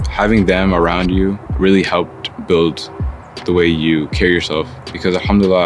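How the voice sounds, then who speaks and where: A young man from Atlanta, a seminary student, giving a measured, sincere testimonial. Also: low voice. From Atlanta, Georgia. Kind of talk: personal testimonial. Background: background music.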